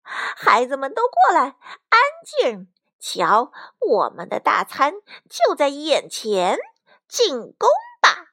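A woman voicing a gloating male weasel bandit chief in a storybook, bossy and cackling, in a high, lively voice. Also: slow, heavily acted.

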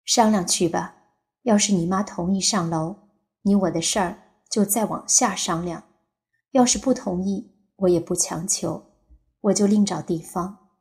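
A woman's voice: lowish voice, a little slow, a little mellow. A woman voicing a bold young woman psychologist who is blunt and demanding, speaking curtly and firmly in an audiobook. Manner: curt, firm and cutting. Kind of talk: audiobook character voice.

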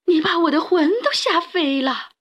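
A woman's voice: fairly high pitch, animated, normal speed, a bit bright, dull audio. A woman playing a squealing little old lady. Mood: frightened. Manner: squealing exclamations, motherly scolding. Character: tiny frail old woman, timid but stern.

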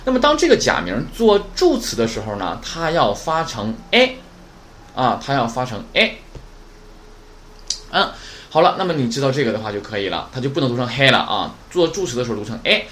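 A man's voice: medium pitch, big pitch swings, quick pace, fairly bright tone, a little hiss or hum. A man from northeast China who teaches Japanese grammar in a podcast lesson, often asking the listeners questions and then answering them himself.

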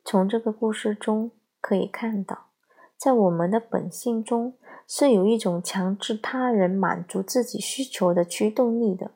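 Slow husky woman narrating calmly. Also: medium pitch. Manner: slow, measured, calm storytelling. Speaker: narrator of a parenting essay. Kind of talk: scripted narration.

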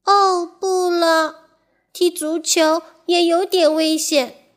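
A woman voicing a small, fearful little mouse in a children's storybook, with a squeaky, hesitant voice. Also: steady tone, slow. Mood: timid. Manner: squeaky, hesitant, high-pitched.

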